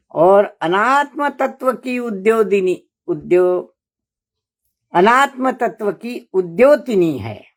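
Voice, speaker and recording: A woman lecturing on a religious epic poem, explaining slowly and deliberately and repeating phrases for emphasis. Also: medium pitch.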